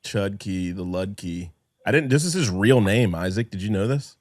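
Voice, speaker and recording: A man's voice: fairly low pitch, lively intonation, normal speed, a little mellow, no room sound, studio quality. A man hosting a casual podcast chat, talking loosely with lots of fillers and jokes. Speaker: podcast host. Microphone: remote call.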